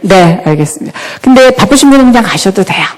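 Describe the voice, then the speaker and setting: A woman giving a church talk on parenting, lively and often asking the audience questions. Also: mid-range voice, fast. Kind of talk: church lecture. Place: church hall. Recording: long hall reverb.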